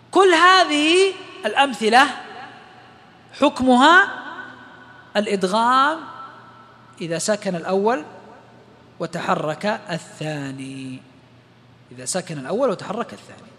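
A man teaching the rules of Quranic recitation, explaining each rule and then chanting short verse examples slowly. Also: very high-pitched, bright, forceful tone, in a large hall. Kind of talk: tajweed lesson.

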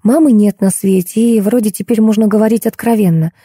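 A woman's voice: mid-range voice, fairly even intonation, a little fast, warm tone, slightly rough, dry recording, clean studio sound, close to an everyday voice. A woman reading the part of a timid, anxious young woman who pleads and frets, in an audiobook. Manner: fretful, pleading. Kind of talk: audiobook character voice.

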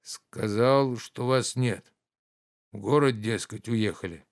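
A man voicing a stubborn old manservant who answers in a gruff, unbothered way. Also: medium pitch, slow, lightly acted.

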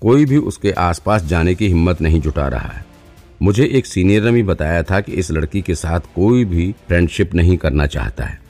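A man's voice: low voice, lively intonation, normal speed, a little mellow, faint music behind. A man voicing a chatty, teasing young male police trainee who loves gossip, in an audiobook. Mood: gossipy.

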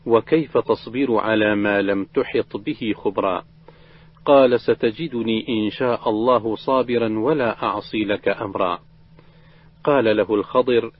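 A low-voiced man recites from a hadith collection at a steady, measured pace, reading the quoted exchanges plainly rather than acting them out. The audio is dull and muffled.

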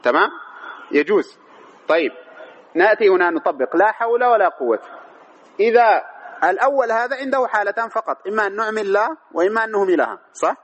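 A man's voice: high-pitched, expressive, fast, a bit bright, rough recording. A man teaching a grammar lesson, constantly quizzing his students with repeated questions.

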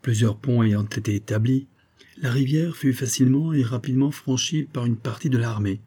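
A man narrating a classic novel aloud, measured, raising his voice for the characters' lines. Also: medium pitch, mellow, slightly rough. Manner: measured, lifts voice for dialogue. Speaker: audiobook reader.

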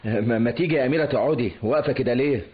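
An actor playing a friendly younger Egyptian son in a radio drama, trying to keep the peace. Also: male voice, medium pitch, very fast, natural voice. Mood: placating. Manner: friendly, placating. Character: easygoing younger son, eager to smooth things over. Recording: roomy lo-fi radio recording with music.

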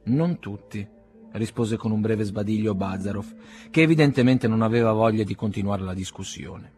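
A man narrating a classic novel as an audiobook in a measured, even literary reading. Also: lowish voice, soft background music.

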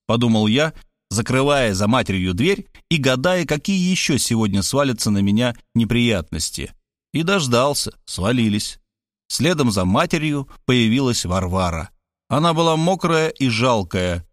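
A man reading a first-person audiobook with a wry, expressive delivery. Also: medium pitch, normal speed, dry recording, studio quality. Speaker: audiobook narrator.

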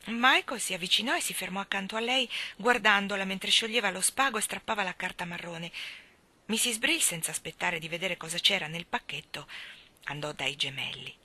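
A woman reading a children's novel aloud in calm, measured narration. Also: medium pitch. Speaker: reader. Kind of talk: storybook read-aloud.

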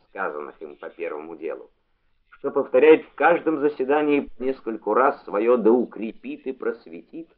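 A deep-voiced man narrates a memoir as an audiobook, with a measured, literary delivery. The recording sounds tinny, like it came through a phone.

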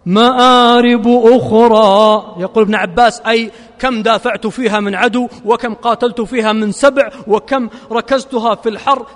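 A man preaching with a Gulf Arabic accent, chanting verses slowly and then explaining them in quick, casual asides. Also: very high-pitched, fairly bright tone. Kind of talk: sermon. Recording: long hall reverb.

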